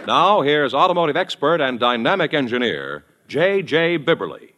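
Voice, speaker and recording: A man's voice: fairly high pitch, big pitch swings, normal speed, pushed and bright. A man working as announcer on a 1950s radio quiz show, giving formal introductions.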